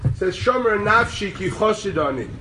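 A man giving an animated, sarcastic Torah class to a group, mixing in Hebrew terms. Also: sits high, normal speed. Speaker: rabbi teaching a class. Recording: distant mic with loud background noise.

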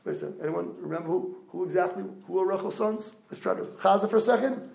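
A man giving a Torah lecture, animated, asking the audience rhetorical questions. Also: high-pitched, fast talker, creaky, echoey room, low-quality recording. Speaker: rabbi lecturer.

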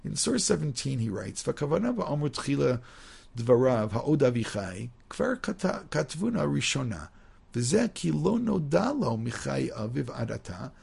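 A man's voice: mid-range voice, sing-song, moderate pace, gravelly, a little mellow, slightly rough. A man teaching a class on religious texts, reading Hebrew passages aloud and explaining them in a loose, conversational way, often restarting his sentences. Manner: reads Hebrew sources aloud, then explains, with many restarts and "you know". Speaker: Torah teacher. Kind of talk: text-based class lecture.

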